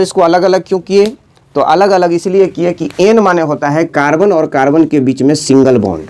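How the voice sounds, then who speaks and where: A male teacher from India giving a classroom chemistry lesson, asking "got it?" over and over and chanting lists slowly. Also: on the high side, a little mellow. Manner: repetitive, quizzing students with "समझ गए?".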